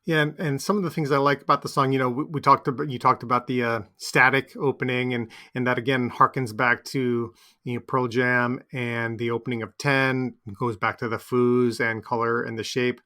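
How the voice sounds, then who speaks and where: A man co-hosting a podcast, talking about an album in a relaxed, conversational way with plenty of fillers. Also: mid-range voice, moderate pace. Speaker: podcast co-host. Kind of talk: casual music chat.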